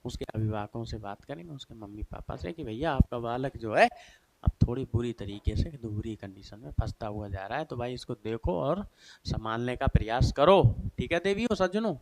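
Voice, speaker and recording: A man's voice: mid-range voice, lively intonation, normal speed, a little mellow, dry recording. A male teacher giving a chatty exam-prep lesson, asking and answering his own questions and checking in with his students over and over. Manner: chatty, repeats "theek hai" and "bhai sahab" often.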